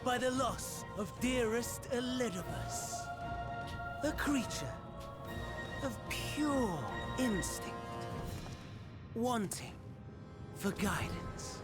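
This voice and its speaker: Slow theatrical game villain, menacing, grandiose, high voice, loud music behind him. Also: male voice, lively intonation, heavily acted. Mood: brooding menace. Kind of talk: dramatic video game voice acting.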